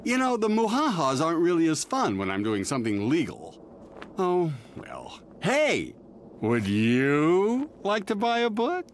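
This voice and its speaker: A man voicing a smug, scheming middle-aged businessman supervillain in a cartoon, with slow theatrical salesman's patter and villainous menace. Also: on the high side, wildly swooping pitch, noisy background, full character voice. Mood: slick, showy. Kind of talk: animated cartoon voice acting.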